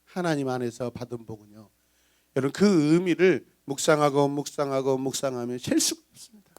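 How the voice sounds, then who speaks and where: A man preaching a Sunday sermon as pastor, animated and dramatic, acting out voices and breaking into song. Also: medium pitch, a little fast, smooth. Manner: animated preaching, bursts into sung praise; acts out villagers' gossip in voices.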